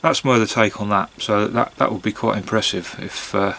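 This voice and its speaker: A man chatting casually on his own in a hesitant, musing way, with long pauses and trailing phrases. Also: on the low side, vocal fry, fairly bright tone. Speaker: pipe-smoking vlogger. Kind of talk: casual monologue to camera.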